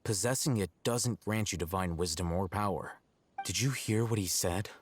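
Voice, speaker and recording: An actor playing a cool, detached young male scholar in a video game, speaking in a measured, formal, deadpan way. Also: deep voice, slight background noise, natural voice. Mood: analytical.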